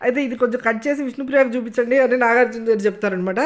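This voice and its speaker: A reviewer giving a casual spoken recap of a TV episode, retelling it loosely and filling pauses with many small fillers. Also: mid-range voice, steady tone.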